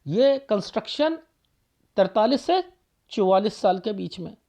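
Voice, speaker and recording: A man's voice: high-pitched, expressive, unhurried, warm tone. A man reading a palm aloud for viewers as a palmist, firing off rhetorical questions and repeating phrases for emphasis.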